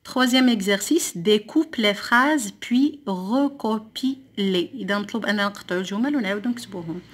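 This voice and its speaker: Moroccan woman, primary French teacher, deliberate dictation pace with brisk asides. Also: medium pitch, breathy edge. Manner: slow deliberate dictation of words, switching to quick explanations. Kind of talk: classroom lesson explaining French exercises in Moroccan Arabic.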